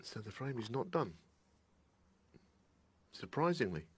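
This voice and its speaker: A man giving hushed, conversational live snooker commentary in a measured, analytical manner. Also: medium pitch, sing-song, breathy edge.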